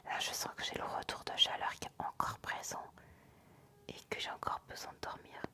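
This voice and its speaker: A tired woman whispering intimately, right in the listener's ear, as she hosts a relaxed ASMR livestream chat. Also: brisk. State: tired, sleepy.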